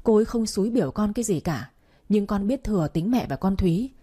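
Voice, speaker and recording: A woman's voice: mid-range voice, animated, fast, dark tone, husky. A woman voicing a protective, hot-tempered young husband who speaks bluntly and commandingly. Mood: angry.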